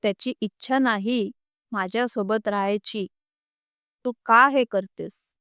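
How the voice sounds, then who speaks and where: A woman's voice: mid-range voice, takes it slowly, a bit bright, clear, resonant tone, no room sound, clean studio sound. A woman voicing an emotional young wife who pleads through tears in a storybook reading. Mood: angry.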